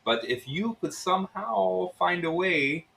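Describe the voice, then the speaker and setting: A man voicing a gruff male innkeeper with a Russian accent and broken English. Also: sits high, animated, measured pace, pushed and bright, voice pushed up, exaggerated voice, low-quality recording. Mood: scheming.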